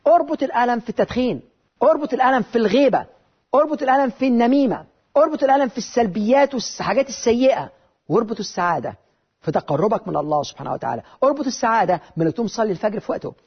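A man with an Egyptian Arabic accent giving a motivational talk, lively and rhetorical, with repeated phrases. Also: extremely high pitch, rapid-fire, breathy edge, dull audio. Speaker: motivational speaker.

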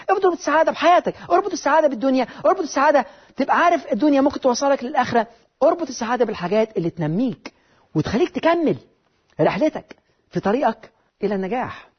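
A man with an Egyptian Arabic accent giving a motivational talk, lively and rhetorical, with repeated phrases. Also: very high voice, breathy edge, lo-fi sound. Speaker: motivational speaker.

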